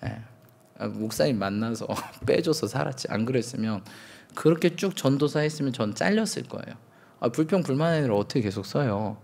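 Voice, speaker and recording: Gravelly-voiced man preaching. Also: medium pitch, expressive, fairly quick, a little mellow. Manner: candid, self-mocking storytelling with acted quotes and laughter. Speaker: pastor. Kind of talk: sermon.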